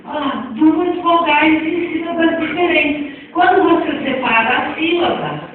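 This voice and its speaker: A woman with a high, expressive voice and an unhurried delivery teaches spelling reform to a class in a Brazilian Portuguese accent. She keeps things chatty and often asks the audience questions. Her lecture comes across far from the mic, echoey and phone-like.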